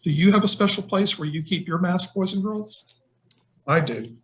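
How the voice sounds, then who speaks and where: The speaker is a middle-aged male nurse reading a picture book to young kids on a video call, asking them simple questions as he goes. His voice sits high and moves at a moderate pace, while clicks and noise mar the call.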